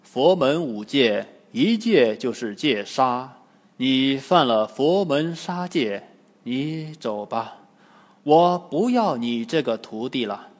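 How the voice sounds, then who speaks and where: A man doing a stern, slow-spoken monk master. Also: medium pitch, very animated. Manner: stern, measured scolding. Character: stern, gentle-hearted male monk master. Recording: long hall reverb.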